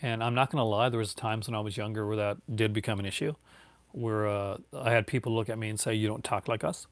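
A fast-talking man with a lowish, steady voice speaks with no room sound. He's a Newfoundland YouTuber in his forties, lightly accented, replying to viewer chat during a live stream at home among bookshelves, and his casual talk wanders with many fillers and restarts.

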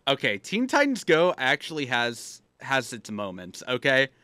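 A young man giving casual, animated livestream commentary as a streamer, blurting short reactions and repeating himself on a close desk mic. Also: medium pitch, a little slow. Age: young adult. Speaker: streamer reacting to meme videos. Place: small room at home, indoors. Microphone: close desk microphone.

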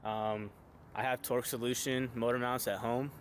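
A man's voice: medium pitch, little pitch movement, normal speed, slight background noise. Laid-back young man reviewing his car. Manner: laid-back, many fillers, casual swearing. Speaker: car vlogger. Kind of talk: casual walkaround car review. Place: outdoors behind a shopping store.

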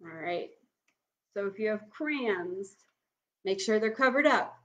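A young woman works as a bingo caller for an online game, speaking in a medium-pitched voice. She gives casual, step-by-step instructions and announces each item, then repeats it. She is recorded indoors at home on a computer microphone. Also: expressive, slow pace, fairly bright tone. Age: young adult. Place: small room at home, indoors.

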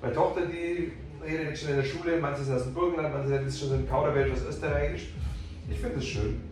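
Higher-voiced man from Germany, very echoey room. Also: fairly even intonation, quick pace, a little mellow, recorded from a distance. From Germany (Munich). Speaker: piercer, host of studio video channel. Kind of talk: casual chat with client. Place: small piercing studio, indoors. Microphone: camera a few metres away. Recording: very echoey small room, off-mic, music behind.

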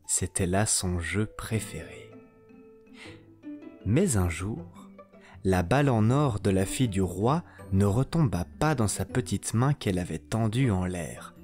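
Slow, low-voiced male storyteller. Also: expressive, darkish tone, faint music behind. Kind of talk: scripted fairy-tale narration.

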